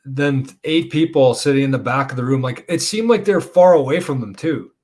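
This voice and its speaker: A man's voice: mid-range voice, moderate pace, a little mellow. Rambling casual male podcast co-host. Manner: rambling, swears, many "like" fillers. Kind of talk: casual chat.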